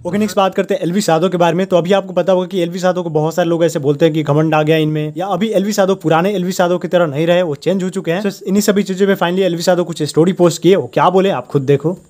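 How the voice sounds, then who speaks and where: A man's voice: sits high, fairly even intonation, a little mellow. A young man narrating a news roundup, reading out posts as host. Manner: quick, reads out posts.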